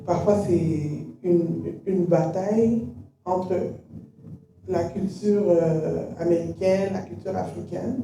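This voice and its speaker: A woman who grew up in Canada, talking in a measured, pausing way with gentle humor in a casual faith-based conversation. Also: on the low side, distant mic. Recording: very echoey room, voice from afar.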